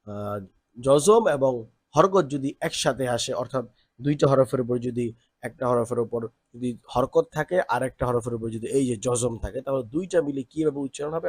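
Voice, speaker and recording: A man gives an online Quran reading lesson, his voice sitting in a middle pitch. He talks patiently and fills pauses with "ah". The recording is dry, with no room echo. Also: darkish tone, breathy edge. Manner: patient, repeats letter drills slowly, frequent "ah" fillers. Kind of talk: online lesson with slow drilled recitation.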